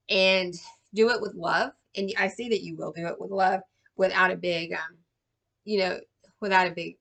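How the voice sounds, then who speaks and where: A woman's voice: medium pitch, creaky, a bit bright. A woman giving a casual, reassuring tarot reading to viewers, chatty with lots of fillers and "right?" tags. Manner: chatty, reassuring, many fillers and tag questions. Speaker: tarot reader.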